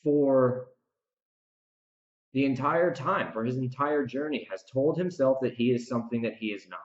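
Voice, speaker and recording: A man talks alone as a podcast host, working through reflective recap commentary that is partly a rant, with emphatic, repeated phrases. His voice sits at an ordinary male pitch and moderate pace. The recording is roomy and a little dull, with audible echo around his words.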